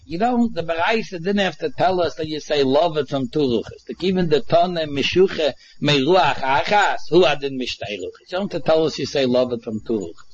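A muffled, low-fidelity recording of a male Talmud teacher with a Yiddish accent. His voice sits quite high for a man. He explains informally, one step at a time, restating phrases with emphasis. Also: expressive, brisk, few pauses, husky. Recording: dull, muffled lo-fi audio.

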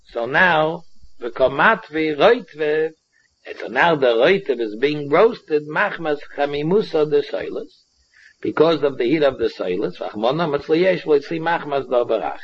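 A dull, slightly muffled recording of a man with a Yiddish accent. His voice sits a little high. He teaches a religious text step by step, often stopping and restating a phrase before moving on. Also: expressive, breathy edge. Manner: halting, repetitive, restating phrases as he explains. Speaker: Talmud teacher. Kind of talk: religious text lesson, explaining line by line.

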